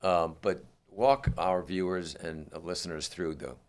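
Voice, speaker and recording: A man's voice: deep voice, unhurried, darkish tone, smooth. A man hosting a talk show, chatting with his guests in an upbeat, playful way. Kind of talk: casual interview chat.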